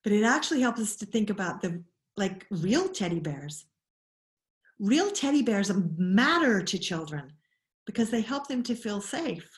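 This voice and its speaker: A woman, a parenting educator, explaining ideas in an interview with an earnest, animated manner and frequent restarts. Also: medium pitch, unhurried, reverberant.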